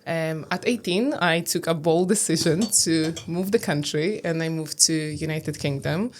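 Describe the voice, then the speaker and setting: Lithuanian-accented woman, low voice. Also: normal speed, slight background noise. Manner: hesitant, many fillers, non-native grammar. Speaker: guest, pageant titleholder. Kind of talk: interview answers.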